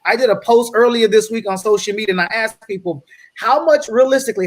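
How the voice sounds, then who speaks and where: Man, high voice, energetic slide presenter, frequent check-ins, video call audio. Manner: energetic, checks in with "right?" often. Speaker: guest speaker on wealth building. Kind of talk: slide presentation to an online audience.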